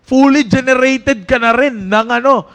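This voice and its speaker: Brief: man, youth preacher, high voice, animated and joking, church sermon. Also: measured pace. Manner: animated, joking storyteller who breaks into laughter. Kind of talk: casual Taglish sermon to young people.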